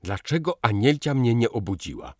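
A man's voice: fairly low pitch, big pitch swings, slow, breathy edge, no echo, studio quality, voice pushed up, heavily acted. A man voicing an emotional young husband who speaks tenderly and sentimentally. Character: emotional young husband, quick to anger and tears.

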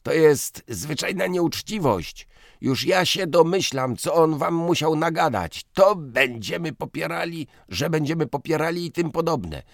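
A man reading an audiobook, voicing a quarrelsome, blustering newspaper editor who shouts in indignant outbursts. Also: fairly high pitch, lively intonation, a little slow, creaky, no echo, studio quality, voice pushed up. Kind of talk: audiobook character voice.

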